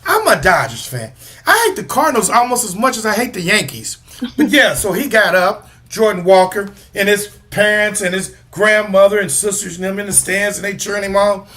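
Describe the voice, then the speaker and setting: Male co-host, high and bright, playful trash-talker for a casual sports show. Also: normal speed. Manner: animated, teasing, trash-talking rival teams. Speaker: podcast co-host.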